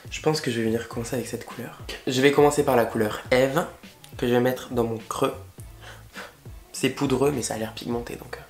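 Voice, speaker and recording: A young man chatting through a makeup tutorial at home, gushing excitedly over the products with casual slang. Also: medium pitch, brisk, soft background music. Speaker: makeup vlogger. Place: indoor room at home, facing a window. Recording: roomy echo.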